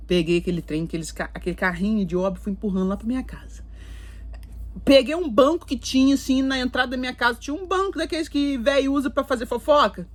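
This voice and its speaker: Chatty Brazilian woman with a high voice. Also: fast talker. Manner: chatty, with frequent fillers and asides to viewers. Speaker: vlogger telling her life story. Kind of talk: casual storytelling monologue. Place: recording while in Canada.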